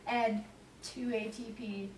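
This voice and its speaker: A young woman playing a sly dealer with a cheerful sales-pitch manner in a student skit. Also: little pitch movement, slow. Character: sly young female dealer posing as a helpful clerk. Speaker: student actor in class skit. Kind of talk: amateur school skit. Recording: echoey room, mic far off, faint noise.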